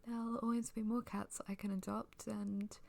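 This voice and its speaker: A young woman rambles sleepily in a soft-spoken ASMR style. Her voice is breathy and often close to a whisper, with a lot of fry and creak at a middling pitch. She drifts along casually and without hurry. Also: little pitch movement, normal speed. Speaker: ASMR creator giving a personal ramble.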